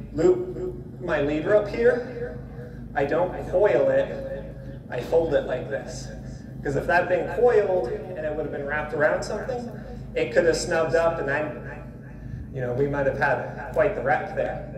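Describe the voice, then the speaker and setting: A man's voice: fairly high pitch, unhurried, crowd noise. An American man with a folksy, plain-spoken manner, giving casual instruction as a horse trainer while he works. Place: live horse-trailer loading demonstration. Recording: distant, echoey, noisy live demo audio.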